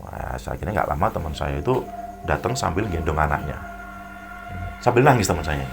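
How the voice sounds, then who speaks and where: A man, a guest in an interview telling a story in a rambling, animated way and acting out the people in it. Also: very deep voice, moderate pace. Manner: rambling, animated retelling with acted quotes. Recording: clear background music.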